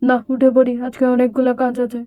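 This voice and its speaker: A woman voicing a tired, reassuring poor village father, speaking calmly in a doll story drama. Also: high-pitched, fast talker, no room sound, natural voice. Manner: calm, comforting.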